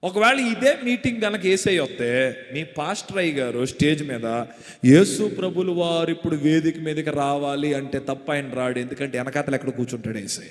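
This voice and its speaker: High-voiced preaching pastor in echoey hall. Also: male voice, fairly quick. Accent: Telugu. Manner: call-and-response preaching, shouting refrains. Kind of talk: sermon. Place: church hall or meeting.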